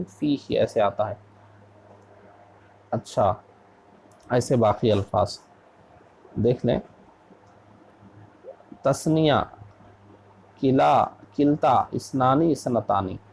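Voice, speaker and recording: A man's voice: mid-range voice, creaky, darkish tone, low-quality recording. A man from India, an Islamic scholar teaching an Arabic grammar lesson, who patiently repeats each word form to drill it.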